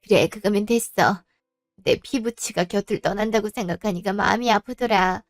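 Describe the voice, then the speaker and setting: A woman voicing an older mother-in-law who apologizes humbly and gently for her son. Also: medium pitch, moderate pace, no echo, clean studio sound, soft background music, natural voice. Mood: apologetic. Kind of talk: storybook voice acting.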